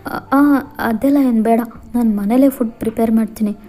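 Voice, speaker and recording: A woman voicing a timid young wife who scares easily, talking in a high pleading voice. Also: moderate pace, mellow, natural voice. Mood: protesting.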